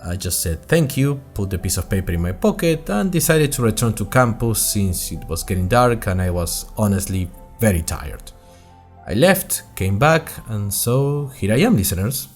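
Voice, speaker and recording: This man's lowish, slightly mellow voice is very animated yet moderately paced, with soft music underneath. Playing an earnest young college student who hosts an audio drama diary, he delivers scripted first-person narration as chatty, wry storytelling, talking conversationally right to his listeners.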